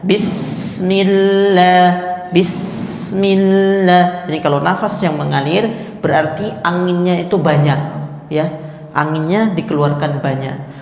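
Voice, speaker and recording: A man's voice: a little high, moderate pace, creaky, roomy sound, in a large hall. A man teaching Quran recitation, patiently explaining and demonstrating how each letter should sound. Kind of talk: tahsin lesson on letter articulation. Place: mosque.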